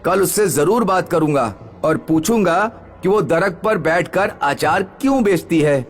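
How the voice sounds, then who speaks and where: A man voicing a foolish, easily frightened village husband in a comic, excitable manner. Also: a little slow, faint music behind, close to an everyday voice. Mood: daydreaming. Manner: comic, high-pitched and excitable.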